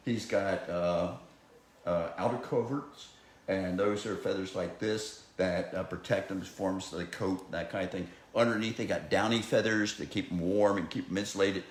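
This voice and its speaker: A man who works as a wildlife educator, giving a casual, rambling talk about live owls, often chuckling and filling pauses with "uh". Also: fairly low pitch. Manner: rambling, chuckling, many fillers and restarts. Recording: very echoey room, faint noise.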